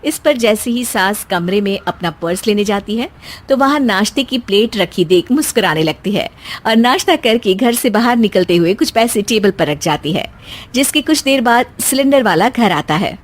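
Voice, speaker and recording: A woman's voice: medium pitch, expressive, normal speed. Woman narrating a scripted story.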